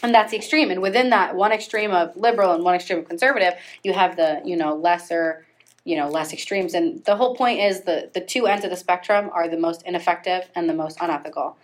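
Young woman, podcast co-host, loose chatty delivery, many fillers, quick to laugh. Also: lowish voice. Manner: rambling, filler-heavy, laughs often. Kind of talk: casual chat.

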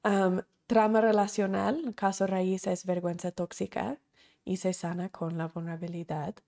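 A woman's voice: fairly low pitch, flat delivery, moderate pace, creaky, a little mellow. A woman, teaching a recorded course in an earnest, repetitive, emphatic way. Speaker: course instructor.

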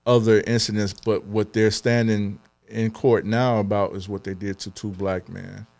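A man's voice: fairly low pitch, level tone, moderate pace, vocal fry, a little mellow. A young adult man co-hosting a podcast, talking earnestly in casual chat, with many fillers and restarts. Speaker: podcast co-host.

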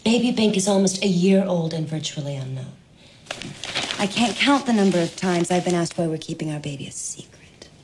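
A woman's voice: lowish voice, expressive, brisk, background noise, close to an everyday voice. An actress playing a wealthy, status-obsessed mother who complains in a fretful way. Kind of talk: film dialogue.

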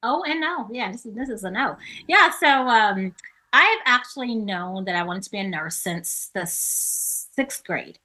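A middle-aged woman guest on a podcast, effusive and quick to laugh, telling stories in a loose, rambling way. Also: medium pitch, lively intonation, bright, forceful tone. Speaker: guest, former nurse turned coach. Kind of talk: casual podcast interview.

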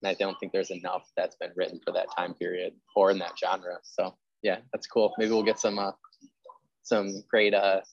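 With a low voice and flat delivery at a moderate pace, a man who teaches history hosts a relaxed interview on genre fiction. He meanders, leaning on filler phrases such as "like" and "you know." The recording is dry and the audio dull.

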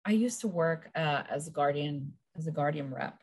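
A middle-aged woman talking as a guest in a casual conversation, telling lively stories and acting out quotes. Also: low voice, moderate pace. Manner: lively storyteller, acts out quotes.

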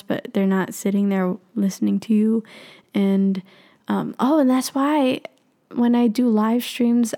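A woman's voice: mid-range voice, mellow. A young adult woman with freshly tightened braces on her teeth, talking casually and candidly as a solo podcast host. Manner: candid, self-reflective.

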